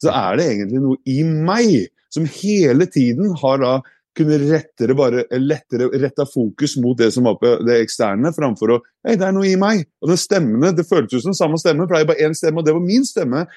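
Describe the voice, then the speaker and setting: A man's voice: on the high side, animated, dark tone, dry recording, studio quality. A man co-hosting a podcast, telling a personal story with energy and acting out the voices in his head. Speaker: podcast co-host. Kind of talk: casual podcast chat.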